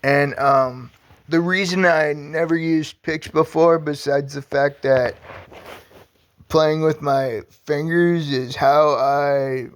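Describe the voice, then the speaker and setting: Slow, earnest man rambling on a vlog. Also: a little high, fairly even intonation, clean tone. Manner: halting, rambling, with many restarts; earnest and heartfelt. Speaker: vlogger. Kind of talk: casual personal vlog talk.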